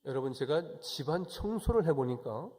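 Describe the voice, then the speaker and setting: A male pastor giving a Sunday sermon, moving from calm, chatty explanation to forceful, raised exhortation. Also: a little high, moderate pace.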